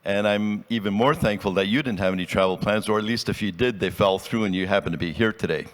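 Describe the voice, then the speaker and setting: Older pastor preaching in an echoing hall. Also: male voice, fairly low pitch. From Ecuador. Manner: conversational storytelling, with halting restarts. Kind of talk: sermon. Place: church sanctuary. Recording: long hall reverb.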